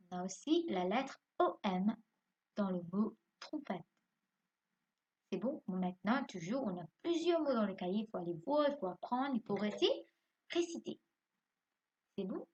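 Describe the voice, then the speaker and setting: A woman's voice: mid-range voice, lively intonation, moderate pace, pauses often, darkish tone, breathy edge, lo-fi sound. A woman teaching young pupils from home, spelling out words letter by letter and quizzing them, then answering her own questions. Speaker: primary school teacher.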